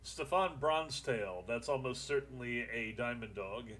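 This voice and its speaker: A man's voice: mid-range voice, animated, normal speed, a bit bright. A young man streaming a strategy game, thinking aloud in casual, rambling commentary with the odd swear.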